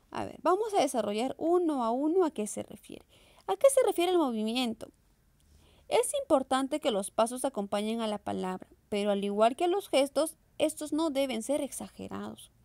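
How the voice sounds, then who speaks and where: A young Peruvian woman with a slightly high voice teaches a virtual class. She asks questions in a lively way and then answers them herself. The recording is dry.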